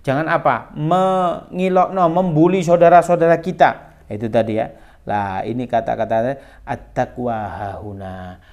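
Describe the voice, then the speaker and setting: A male preacher, telling a story in a sermon, animated and acting out the quotes. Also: mid-range voice, unhurried. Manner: animated, acts out quotes, mixes in Javanese words.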